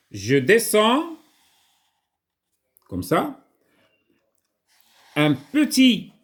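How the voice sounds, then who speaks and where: A man with a Moroccan accent teaching a writing lesson to young children, slowly repeating words for them to echo. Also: high voice, a bit bright.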